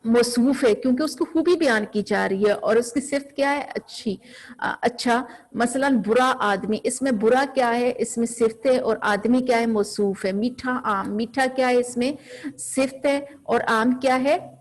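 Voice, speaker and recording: A woman teaches a school grammar lesson in a fairly high voice. She asks a question, then answers it herself, and keeps going through lists of examples.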